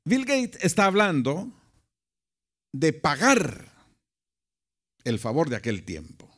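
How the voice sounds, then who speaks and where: Male preacher, higher voice, animated storyteller, drops to quiet asides. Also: slow. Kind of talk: sermon storytelling.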